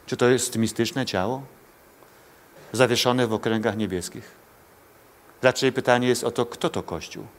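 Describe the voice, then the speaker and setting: A man's voice: mid-range voice, steady tone, a little slow, long pauses. A male pastor preaching a sermon to a congregation in church, speaking directly to listeners, pleading and asking rhetorical questions.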